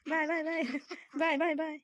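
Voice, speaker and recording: A woman's voice: high voice, flat delivery, a little slow. A woman vlogger at home, talking to her toddler in coaxing, repetitive baby talk. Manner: sing-song, coaxing, repetitive. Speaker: vlogger and mother.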